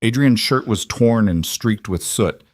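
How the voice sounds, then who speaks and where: A man narrating a dramatic story in a measured storytelling style. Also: lowish voice, no echo, clean studio sound. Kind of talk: scripted narration.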